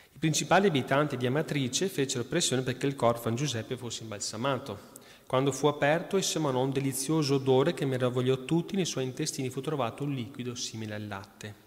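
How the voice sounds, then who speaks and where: Male preacher, mid pitch, reads a saint's life aloud with soft asides; long hall echo. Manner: reads then drops into quiet conversational asides. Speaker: priest reading a saint's life.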